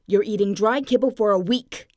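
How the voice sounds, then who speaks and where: A woman's voice: mid-range voice, moderate pace, dry recording, clean studio sound, natural voice. A woman doing a stern dog dad. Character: stern old-fashioned dog father.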